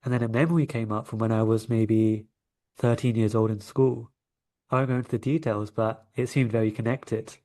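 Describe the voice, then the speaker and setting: A warm, low-leaning male voice with fairly even intonation and normal speed tells stories in conversation. The speaker, a coach and energy healer interviewed as a guest, is from London and has a London English accent.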